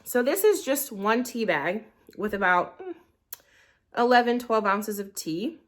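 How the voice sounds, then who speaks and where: Speaking a little slowly in a sing-song, slightly high voice, a young woman with a stuffy, somewhat nasal sound reviews tea for her camera. It's a casual vlog shot in portrait mode in her living room, and she wanders along loosely with plenty of ums and likes.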